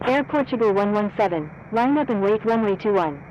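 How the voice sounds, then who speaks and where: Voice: medium pitch, animated, fairly quick, darkish tone, dull audio. Formulaic pilot-style radio voice over background noise. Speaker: air traffic controller and pilots on radio. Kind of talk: scripted air traffic control radio phraseology.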